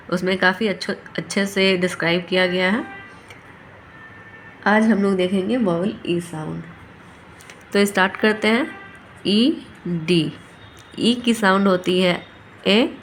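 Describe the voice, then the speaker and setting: A woman's voice: mid-range voice, slight background noise. A woman teaching a phonics lesson, sounding out letters and words one by one.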